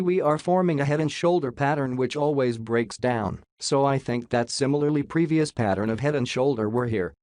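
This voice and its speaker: A man's voice: medium pitch, a little mellow, no echo, clean studio sound. A man whose voice runs through a robot voice filter, walking casually through price charts and joking as he goes. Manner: jokey, says "lol" aloud. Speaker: crypto chart analyst. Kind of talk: casual screen-share chart walkthrough.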